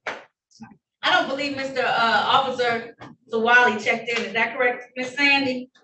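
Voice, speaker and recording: A woman's voice: fairly high pitch, steady tone, normal speed, pushed and bright. A woman judge presiding over traffic court hearings, formal yet friendly as she reads out charges and rulings, heard in a courtroom recording. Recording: roomy, distant courtroom recording with faint noise.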